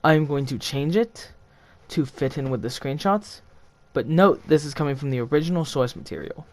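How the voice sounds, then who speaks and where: A man's voice: a little high, moderate pace. Man casually narrating a storybook. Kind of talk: reading a fan reconstruction of a children's story.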